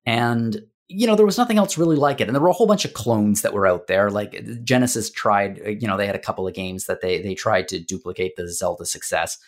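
A man's voice: on the low side, fast talker, hardly any pauses. A man hosting a podcast in casual, rambling chat, recorded in an empty office with bare walls that gives his voice an echo. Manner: rambling, self-deprecating, filler-heavy. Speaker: podcast host. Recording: echoey bare room.

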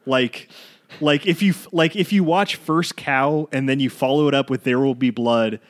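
A man's voice: medium pitch, normal speed. Guy cohosting a podcast, rambly and loose, swears a lot. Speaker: podcast co-host. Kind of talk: casual chat.

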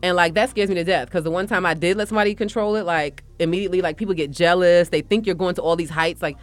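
A woman's voice: fairly low pitch, steady tone, fast talker, soft background music. A woman in her forties from Brooklyn by way of Panama, a fashion designer talking as a guest in a radio studio, chatty and emphatic with lots of asides. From born in Panama, raised in Brooklyn. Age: 40s. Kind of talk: casual radio interview.

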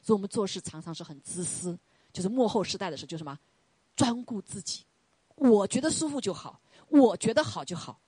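Woman, middle-aged, sermon testimony, storytelling, frequent laughter, husky voice, dry sound. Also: mid-range voice, animated, a little fast, warm tone, no echo. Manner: conversational storytelling, laughing often, acts out quoted voices. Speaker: church leader.

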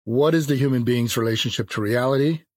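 A man in his fifties, from Jamaica, speaking as a philosopher in a thoughtful, measured interview. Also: medium pitch, dry recording. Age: 50s. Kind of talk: reflective interview talk.

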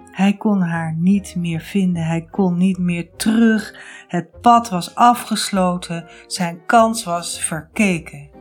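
A woman telling a myth aloud, slow and deliberate, building tension toward dramatic moments. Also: on the low side. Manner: expressive, slow and deliberate, rising to urgency at climaxes. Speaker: storyteller. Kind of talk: dramatic storytelling narration.

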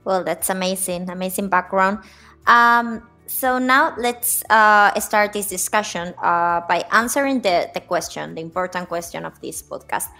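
A woman hosting a finance podcast, introducing her guest and asking questions in a formal, slightly halting way, often repeating words. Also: mid-range voice, pushed and bright, faint music behind. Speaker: podcast host.

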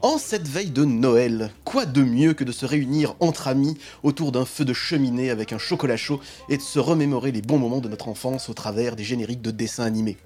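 A man's voice: medium pitch, brisk, few pauses, darkish tone, soft background music. A man hosting a podcast with a honking, duck-like voice from being sick, presenting in a playful, theatrical way. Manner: theatrical, joking. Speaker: podcast host.

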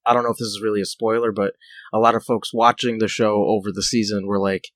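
A man's voice: lowish voice, little pitch movement, fast talker, no echo, studio quality. A man on a casual podcast, teasing the others about what happens later and chuckling often. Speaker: podcast co-host. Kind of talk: casual chat.

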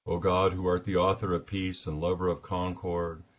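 A man leading morning prayer as a minister, reciting liturgy in a solemn, measured, formal manner. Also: low-pitched, flat delivery. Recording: dull lo-fi sound.

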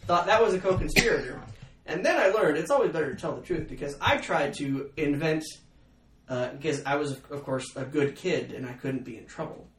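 A man's voice: fairly high pitch, expressive, brisk, roomy sound, distant mic. A young adult man hosting a podcast, telling stories about his youth in a self-mocking, laughing way. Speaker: podcast host. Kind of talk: casual storytelling chat.

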